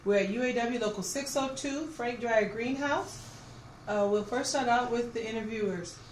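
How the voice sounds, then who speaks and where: A woman acts as the interviewer in a recorded oral history, asking questions in a slightly high voice at a moderate pace. The room is echoey, and background noise is clearly audible.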